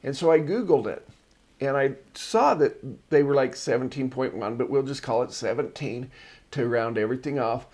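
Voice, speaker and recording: Male host of a marketing show with a mid-pitched voice, chatty and digressive, casual solo talk with personal anecdotes. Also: normal speed, a little mellow.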